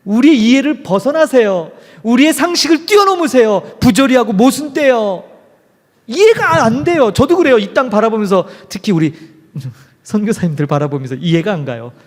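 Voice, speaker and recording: Male pastor, sermon, big pitch swings, soft whispers to loud calls, church with long echo. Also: moderate pace. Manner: animated preaching, swings from loud exclamations to hushed whispers. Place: church sanctuary. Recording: long hall reverb.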